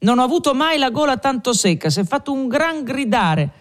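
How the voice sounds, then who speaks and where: A man voicing a cheerful, boastful young male peasant in an audiobook, exclaiming loudly and with gusto. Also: very high-pitched, animated, moderate pace, voice pushed up. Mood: jovial. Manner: exuberant, loud exclamations.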